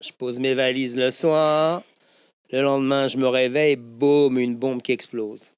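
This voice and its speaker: A middle-aged man from France with a French accent, a podcast guest telling lively anecdotes in casual chat and swearing freely. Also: mid-range voice, a little slow, smooth, no room sound, studio quality. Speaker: guest, tattoo shop owner. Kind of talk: casual storytelling interview.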